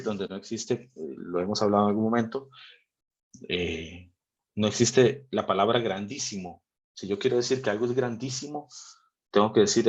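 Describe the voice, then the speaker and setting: Low-voiced man teaching Bible study. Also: lo-fi sound. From Costa Rica. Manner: reads scripture aloud, then explains it patiently. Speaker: theology group speaker.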